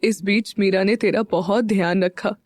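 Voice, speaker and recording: Lady voicing a fond old granny, fretting, warm mellow voice. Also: medium pitch, steady tone, normal speed, no room sound, close to an everyday voice. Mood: fond worried. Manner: fond, fretful tone. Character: loving elderly grandmother, worried and affectionate.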